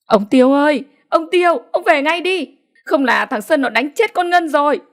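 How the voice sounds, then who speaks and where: A woman voicing a frantic older village mother-in-law who yells shrilly for her husband in a storybook reading. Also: normal speed. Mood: frantic yelling. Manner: shrill, yelling.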